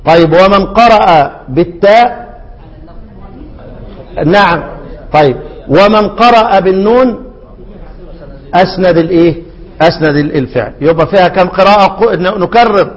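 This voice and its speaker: High-voiced Egyptian sheikh teaching recitation. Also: male voice. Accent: Egyptian Arabic. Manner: quizzes listeners with repeated rhetorical questions; chants quoted verses slowly. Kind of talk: teaching lesson with call-and-response questions. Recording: hall reverb.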